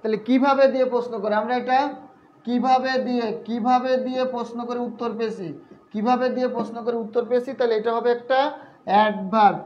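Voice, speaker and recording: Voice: mid-range voice, steady tone, fairly quick, darkish tone, dull audio. A grammar teacher giving a live online class, patiently repeating each point and quizzing the students.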